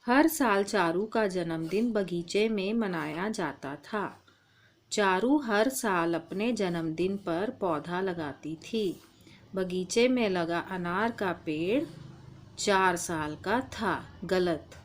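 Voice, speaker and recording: A woman's voice: fairly low pitch, takes it slowly. A woman teaching a primary-school language lesson, patiently calling the child "beta". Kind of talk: slow, deliberate primary-school Hindi lesson.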